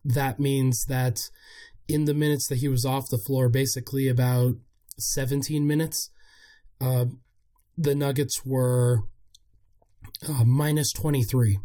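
Hoarse, gravelly-voiced man hosting sports podcast. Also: mid-range voice, dark tone. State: sick, with a hoarse, worn-out voice. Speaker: podcast host.

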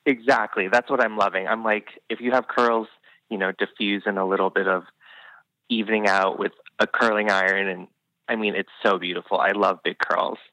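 A man's voice: fairly low pitch, little pitch movement, moderate pace, pushed and bright, no room sound, rough recording. A man who works as a hairstylist, chatting enthusiastically as a podcast guest, full of "I mean" and "you know". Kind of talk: casual podcast interview chat.

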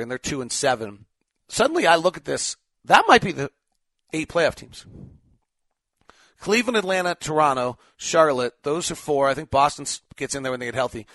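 A male sports podcast host with a slightly high voice gives off-the-cuff commentary. He thinks aloud in short assessments, recorded close and dry. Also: a bit bright, no room sound.

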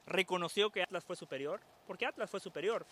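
A man's voice: high voice, fast talker, sharp tone. A man on a sports talk panel stating firm, emphatic opinions. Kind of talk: sports talk show discussion.

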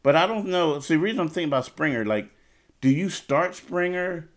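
A man's voice: on the high side, expressive, a little fast. Man, sports podcast host, casual chat, repeats himself, questioning. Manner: thinks aloud, repeats himself, fires questions.

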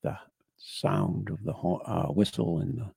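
A man's voice: fairly even intonation, a little slow, gravelly, darkish tone, in a whisper. A man co-hosting a casual chat, reading ghost stories aloud and joking around, from the United States. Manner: chatty, joking, slips into playful high voice.

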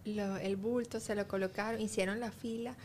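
A woman, a guest in a casual chat, easygoing and soft-spoken as she tells stories. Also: mid-range voice, fairly even intonation, moderate pace, slight background noise.

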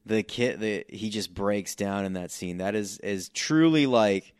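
A man with a very low voice talks as a guest on a podcast. His tone is smooth and the sound is close and dry. He starts over often while working through his thoughts. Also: darkish tone, no echo. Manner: halting, restarts often, reflective. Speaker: comedian guest. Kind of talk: casual podcast chat.

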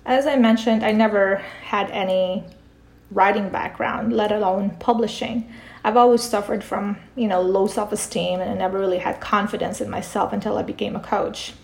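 A middle-aged woman born in the Philippines, a parent coach and author, talking calmly and reflectively as a guest in a podcast interview over a remote call. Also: medium pitch, normal speed, creaky.

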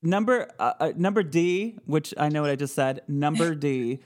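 Woman podcast host, chatty and animated, lots of fillers, casual and excitable. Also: low voice, moderate pace. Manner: chatty, animated, with many fillers and little squeals. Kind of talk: casual chat.

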